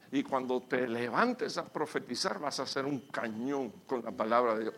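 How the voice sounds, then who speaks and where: A male pastor preaching a sermon with emphatic, sudden loud bursts, calling his listeners brother. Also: mid-range voice, gravelly.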